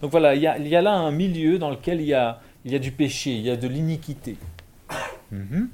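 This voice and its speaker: A man from Belgium with a Belgian French accent, explaining Bible principles in a measured, conversational way with everyday examples. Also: a little high, dark tone. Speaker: Bible discussion speaker.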